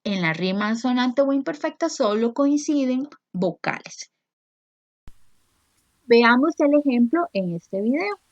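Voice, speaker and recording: A woman's voice: on the high side, expressive, measured pace, no echo. A woman teacher explaining a lesson step by step, patiently stretching out word endings and checking in with questions. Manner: checks in with frequent rhetorical questions. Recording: dry, dull lo-fi recording.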